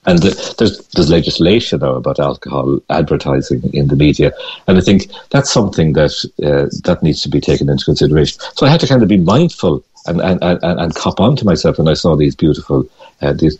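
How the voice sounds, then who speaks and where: A man's voice: a bass voice, animated, fairly quick, darkish tone, husky, highs cut off. A man over sixty-five with a west of Ireland accent, talking conversationally as an interview guest, often hesitating and repeating words as he explains. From Galway, west of Ireland. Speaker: radio interview guest, mindfulness teacher.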